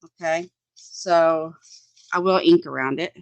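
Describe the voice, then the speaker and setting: A woman's voice: sits low, takes it slowly, no room sound, rough recording. A woman, chatting casually as she works on a craft project, thinking aloud, often laughing, and answering viewers' comments. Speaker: crafting livestream host.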